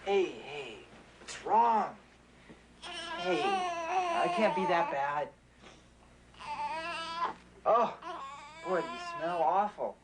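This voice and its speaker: A man's voice: high-pitched, wildly swooping pitch, extremely slow, long pauses, full character voice. A frantic boy father. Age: teens. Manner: pleading, then frantic and near tears with a crying baby. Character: overwhelmed teenage boy, new young father. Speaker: teenage son and young father. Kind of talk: 1980s TV drama acting. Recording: noisy old TV broadcast audio.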